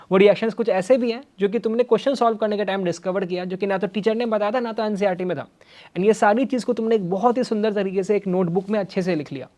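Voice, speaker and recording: A young man with an Indian accent giving energetic, direct study advice to exam students, mixing English phrases into his Hindi. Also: high voice. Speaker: exam prep mentor.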